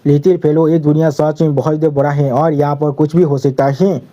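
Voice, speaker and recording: Male narrator voicing a cold, mocking old demon master from a manga recap. Even, dark read. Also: on the high side, brisk, lo-fi sound, close to an everyday voice. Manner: calm and taunting.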